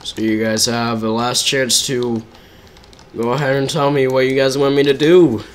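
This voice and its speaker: A man's voice: mid-range voice, level tone, moderate pace. A man casually chatting to his viewers while live-streaming a video game, reacting to the action as he plays.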